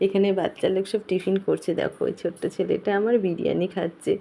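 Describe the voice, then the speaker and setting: A woman's voice: fairly low pitch, fairly even intonation, fast talker, vocal fry, warm tone, a little hiss or hum. Chatty young woman vlogging at home. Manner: chatty, addresses viewers directly. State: slightly hoarse. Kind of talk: casual family vlog narration. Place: home, indoors.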